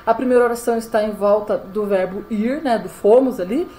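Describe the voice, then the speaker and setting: A woman's voice: medium pitch, a little fast, mellow, slight background noise, rough recording. A woman teaching a grammar lesson, explaining step by step and often checking in with the class. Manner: explanatory, frequent "tá?" check-ins. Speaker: Portuguese teacher.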